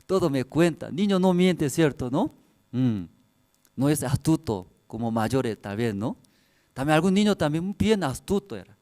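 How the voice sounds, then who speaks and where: A man's voice: medium pitch, mellow. A man preaching a sermon, telling personal stories in simple, broken Spanish with frequent laughter. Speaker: pastor.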